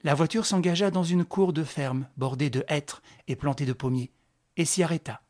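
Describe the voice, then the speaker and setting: A reader narrating a classic novel as an audiobook, in even, measured storytelling. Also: mid-range voice.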